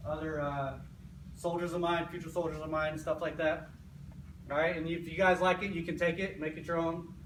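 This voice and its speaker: An American man, an army sergeant, giving a motivational pre-game speech in an emphatic, repetitive way, often checking in with "right?". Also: fairly high pitch. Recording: echoey, noisy room, distant mic.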